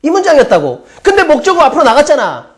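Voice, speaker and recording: A woman's voice: high voice, wildly swooping pitch, fast talker. A woman teaching an English grammar lesson in a casual classroom style, walking through examples and asking frequent rhetorical questions. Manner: explains step by step with many rhetorical questions; casual, chatty asides.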